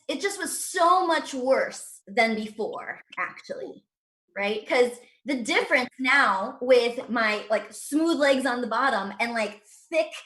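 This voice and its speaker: Woman, stand-up story, fairly high voice, quick with lots of "like" and "right?", video call. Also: a bit bright, reverberant, poor audio. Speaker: stand-up comedian.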